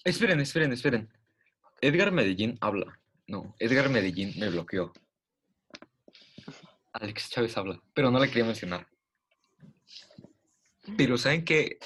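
A man's voice: medium pitch, animated, normal speed, pauses often, a bit bright, slightly rough. A young man with a Mexican Spanish accent, chatting casually on a podcast, teasing and laughing as he repeats a running joke. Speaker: podcast co-host. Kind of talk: casual chat among friends.

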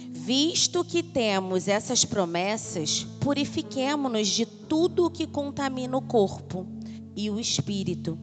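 A woman's voice: medium pitch, long reverb tail. A woman preaching a sermon at a women's conference, talking with the audience in an intimate way and repeating short, emphatic phrases. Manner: conversational and intimate, asides to the audience. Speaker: deaconess preacher.

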